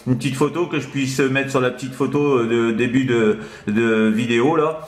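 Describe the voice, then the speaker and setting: A man with a mid-range voice talks at a moderate pace over the air as a radio operator, hesitant and casual, frequently adding "hein" to his sentences. The contact chat happens at a radio set in an apartment, and the sound is roomy.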